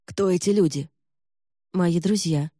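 A man's voice: high-pitched, unhurried, no echo, clean studio sound. A man voicing a defiant young noblewoman. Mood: pleading. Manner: sharp, accusing questions.

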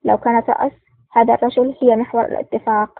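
A woman voicing a cool, sarcastic male spy hero in an audiobook, in a low-key reading, with a dry, tinny sound. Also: flat delivery, fast, vocal fry, dry recording. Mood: mocking. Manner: cold and sarcastic.

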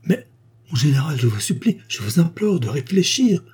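A man voicing a captured spy who argues gravely about death and then begs for his life, with a warm, husky voice. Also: medium pitch, normal speed. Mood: pleading. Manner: grave reasoning, then frantic pleading. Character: captured male spy, philosophical then desperate.

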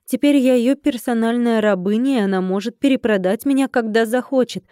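A woman's voice: on the high side, brisk, dark tone, no room sound, clean studio sound. A young woman reading a first-person audiobook with a wry, conversational inner-monologue manner. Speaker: audiobook narrator.

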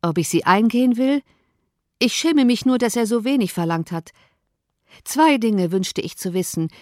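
A wry, measured older father of a classic storybook household, read by a woman. He speaks with dry irony. The recording is dry and close, with no room sound. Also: on the high side, animated, no room sound, voice pushed up, close to an everyday voice. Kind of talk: audiobook character reading.

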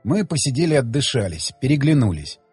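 Husky, lively male audiobook narrator. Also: medium pitch, brisk, no echo, faint music behind. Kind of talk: first-person audiobook narration.

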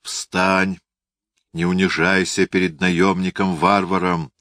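A man's voice: deep voice, level tone, slow, fairly bright tone, no room sound, studio quality. A man doing a proud, fervent noble prince. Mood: insistent. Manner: solemn, impassioned declaiming.

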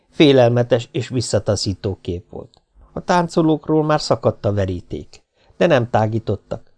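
A man reading a novel aloud as an audiobook narrator with steady storytelling. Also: fairly low pitch, gravelly. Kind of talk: scripted narration.

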